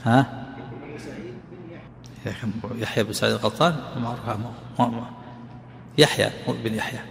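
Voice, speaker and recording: Gravelly older sheikh explaining quickly. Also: male voice, medium pitch, a bit bright. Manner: interrupting the reader with questions and corrections. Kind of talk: lesson commentary. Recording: reverberant hall with faint noise.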